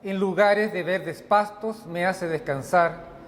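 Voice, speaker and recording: High-voiced minister in cathedral echo. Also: male voice, a crowd in the background. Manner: solemn, measured prayer reading. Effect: cathedral echo, long reverb. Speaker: minister leading worship. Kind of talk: leading a church liturgy. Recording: long echoey hall reverb.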